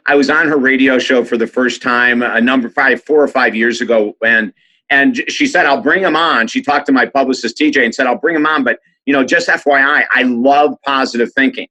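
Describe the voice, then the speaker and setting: An author and speaker appears as a podcast guest in an animated storytelling interview, enthusiastically acting out the people he quotes. His medium-pitched voice is a little fast, pushed and bright, and the audio is poor.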